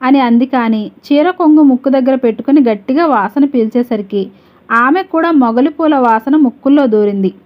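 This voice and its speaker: A woman with a high voice reads a novel aloud in an even storytelling manner. The recording sounds dull and lo-fi. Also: moderate pace. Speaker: audiobook narrator. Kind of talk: novel reading.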